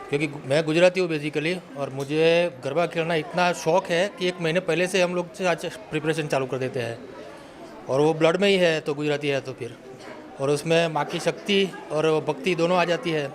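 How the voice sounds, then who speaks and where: A man's voice: a little high, fairly even intonation, normal speed. A man answering interview questions with enthusiasm.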